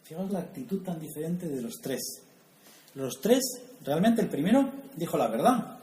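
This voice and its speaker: A man's voice: on the high side, very animated, moderate pace, dark tone. A man preaching a sermon in a conversational way, asking the audience questions and adding humorous asides. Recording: echoey room, faint ambience.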